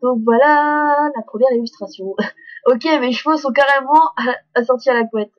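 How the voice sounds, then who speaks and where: A woman's voice: high voice, moderate pace, no echo, dull audio. A woman reading a dating game's dialogue and narration aloud in a casual way, stumbling and stopping to comment on the pictures. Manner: casual, stumbles and restarts, self-mocking. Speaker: fan dubber reading a visual novel.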